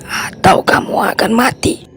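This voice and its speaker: A woman's voice: measured pace, a bit bright, natural voice. A woman voicing an evil jinn that possesses a teenage girl, in a menacing, threatening whispered role-play. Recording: music playing underneath.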